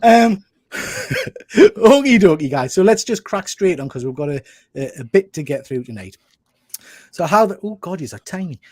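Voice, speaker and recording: A man's voice: sits high, huge pitch swings, normal speed, pauses often, darkish tone, no echo, clean studio sound. A man casually hosting a group show in an informal, bantering way. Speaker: host.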